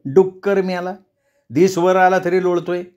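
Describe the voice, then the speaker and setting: A man's voice: sits high, little pitch movement, normal speed, lo-fi sound, voice pushed up, lightly acted. A man doing a harsh scolding slum woman. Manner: shouting, scolding.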